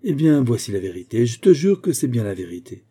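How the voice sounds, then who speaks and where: A man's voice: medium pitch, very animated, brisk, dark tone, husky. A man voicing a jovial young male officer in a novel, hearty and teasing as he talks. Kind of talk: audiobook character reading.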